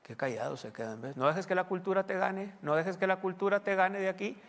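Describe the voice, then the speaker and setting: A man's voice: high-pitched, fairly quick, in a large hall. A male pastor preaches a sermon in a church. He talks to the congregation conversationally and often asks them questions.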